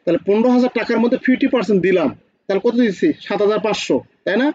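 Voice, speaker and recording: A man with a high voice and a Bangladeshi Bengali accent lectures quickly in an online class. He keeps asking students questions and repeating key points. The sound is dull and lo-fi, like a computer mic on a video call. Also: darkish tone. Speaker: accounting teacher.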